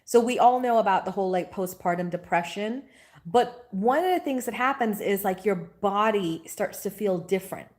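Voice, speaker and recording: A woman, a spiritual teacher in a casual live-stream chat. She talks in a chatty, animated way and greets viewers by name. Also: medium pitch, moderate pace. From Guyana. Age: 40s.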